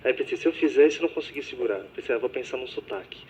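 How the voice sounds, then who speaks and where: A man with a medium voice explains his acting choices in a plain, matter-of-fact way. The sound is muffled, like a low-fidelity radio broadcast. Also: animated, very fast, a little mellow, a little hiss or hum. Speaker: stage actor. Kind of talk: interview guest chat. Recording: dull radio audio.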